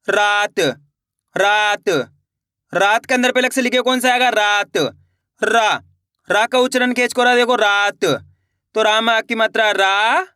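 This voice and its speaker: High bright male Hindi teacher drilling words. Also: clean tone, no room sound, studio quality. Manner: repetitive call-and-response drilling, sounding words out syllable by syllable. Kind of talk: children's spelling lesson.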